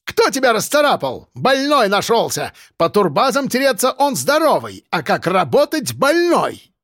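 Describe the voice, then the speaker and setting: A man reading an audiobook, voicing an angry, domineering middle-aged woman boss who yells and scolds coarsely. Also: high voice, huge pitch swings, moderate pace, no room sound, clean studio sound, voice pushed up, full character voice. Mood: yelling.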